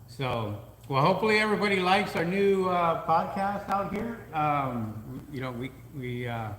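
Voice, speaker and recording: A man's voice: on the high side, lively intonation, moderate pace, fairly bright tone, reverberant, long reverb tail, slight background noise, poor audio. A man co-hosting a live podcast, easygoing and full of uhs, greeting viewers and reading their comments aloud. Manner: easygoing, filler-heavy with frequent uh. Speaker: podcast co-host.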